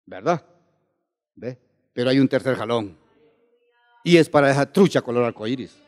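A man's voice: medium pitch, lively intonation, moderate pace, in a large hall. A male preacher delivering a sermon and questioning his listeners over and over. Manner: questioning the congregation with repeated tag questions.

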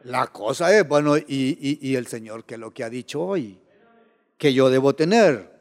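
A man preaching a sermon in an animated way, often repeating words and asking the listeners rhetorical questions. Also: mid-range voice, moderate pace, long reverb tail.

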